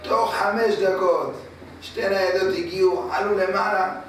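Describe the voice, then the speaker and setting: A man preaching, telling a parable in a lively storytelling manner that repeats words for effect. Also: high voice, slight background noise. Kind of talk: religious storytelling sermon. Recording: very echoey room from a distant mic.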